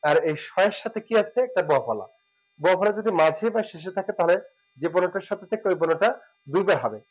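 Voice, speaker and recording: A man giving a spoken lesson, explaining step by step and repeating words slowly and drawn out. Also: high-pitched, animated, rough recording. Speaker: teacher.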